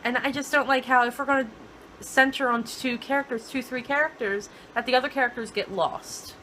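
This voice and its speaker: A woman's voice: high-pitched, fairly even intonation, fairly quick, bright, forceful tone, slight background noise, poor audio. A woman co-hosting a casual TV recap chat, talking chattily and mimicking characters playfully. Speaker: podcast co-host.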